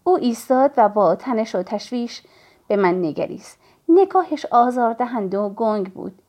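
Woman reading a story out loud, first person, steady and measured, bit higher voice. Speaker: audiobook narrator. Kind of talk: scripted first-person narration.

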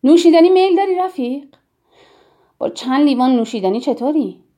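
A woman's voice: high-pitched, expressive, mellow, voice pushed up. A woman reading as a sneering jealous middle-aged man. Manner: sneering, condescending questions.

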